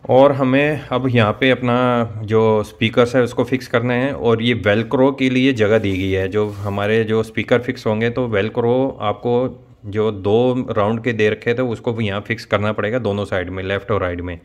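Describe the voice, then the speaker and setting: Speaking at a normal speed with a steady tone and a lowish voice, this Indian man in his thirties guides viewers step by step. The motovlogger is recording a casual tutorial vlog about installing a product, set in a small indoor room at home.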